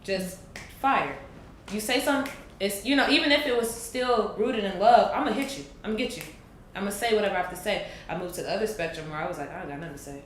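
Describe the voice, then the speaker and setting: A woman in her late twenties, thinking aloud in an earnest, reflective casual chat. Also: mid-range voice. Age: 20s. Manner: earnest, thoughtful, drawn-out pauses. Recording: echoey room with faint noise.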